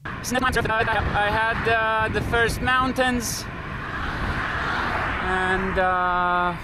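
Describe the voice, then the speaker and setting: A young man from Latvia, talking to his camera outdoors during a long bike ride, halting and full of fillers. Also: sits high, steady tone. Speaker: cyclist filming himself. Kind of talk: on-the-go vlog talk. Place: outdoors on the road. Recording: outdoor road and wind noise.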